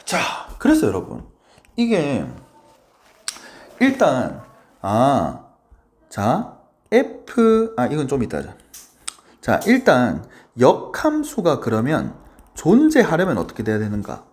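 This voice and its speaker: A male math teacher giving a lively, playful lecture, constantly checking in with his students and acting out little quoted lines. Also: mid-range voice, takes it slowly, pauses often.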